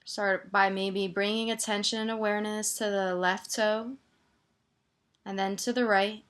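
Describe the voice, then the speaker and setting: A meditation teacher gently guides a body scan, her soothing voice leaving pauses between instructions. Her voice is mid-range and level in tone.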